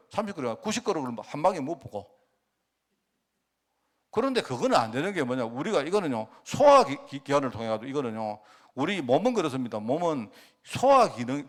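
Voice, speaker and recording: Animated Gyeongsang pastor preaching. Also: male voice, a little high. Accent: Gyeongsang Korean. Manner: storytelling, rhetorical questions, animated. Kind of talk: sermon.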